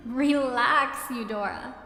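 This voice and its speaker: A woman playing a composed empress in an audio drama, measured, authoritative and reassuring. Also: high-pitched, pushed and bright, full character voice. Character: composed, commanding empress, reassuring to her subordinate. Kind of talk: scripted audio drama acting. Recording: roomy, reverberant, music behind.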